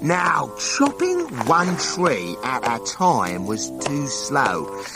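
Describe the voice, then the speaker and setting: Man as greedy boastful storybook tycoon, theatrical, swooping pitch, measured drawn-out emphasis, music behind. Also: huge pitch swings, gravelly, full character voice, rough recording. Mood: excited. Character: greedy, brash, boastful male Once-ler tycoon telling his tale. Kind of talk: dramatic storybook reading.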